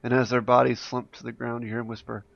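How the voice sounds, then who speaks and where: A man's voice: medium pitch, completely flat delivery, quick pace, gravelly, a bit bright, no echo, highs cut off. A man hosting a podcast in casual chat, a jokey storyteller who laughs often. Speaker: podcast host and editor.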